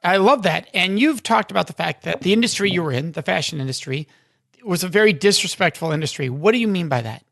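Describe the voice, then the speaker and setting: A man's voice: sits high, lively intonation, fast talker, gravelly, fairly bright tone, dry recording, studio quality. A man hosting a podcast, reading a scripted introduction, then chatting with his guest. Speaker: podcast host.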